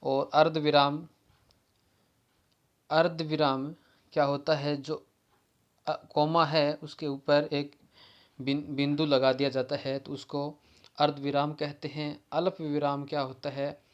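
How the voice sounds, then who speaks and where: A man's voice: a little high, flat delivery, lo-fi sound. Man teaching a grammar lesson. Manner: repeats key terms, pauses and restarts words. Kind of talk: exam-prep grammar lesson.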